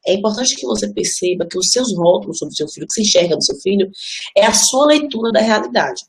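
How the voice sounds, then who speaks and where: A woman teaching a live parenting class with an earnest, conversational delivery. She explains things patiently and speaks directly to her listeners, with an easy, mid-pitched voice. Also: animated, fast talker, creaky. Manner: earnest and explanatory, often addresses listeners as "gente"; drops into a soft, low, gentle voice when speaking as she would to her child. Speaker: parenting educator, mother.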